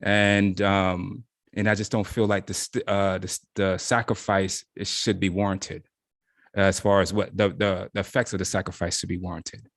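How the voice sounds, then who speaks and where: A man's voice: low voice, little pitch movement, moderate pace, dry recording. A man speaking as a panelist in a discussion, searching for words and hesitating as he talks.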